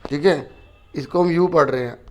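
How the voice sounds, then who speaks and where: A man's voice: a little high, moderate pace, darkish tone, muffled recording. A man, a teacher patiently explaining a school worksheet, asking questions and answering them himself.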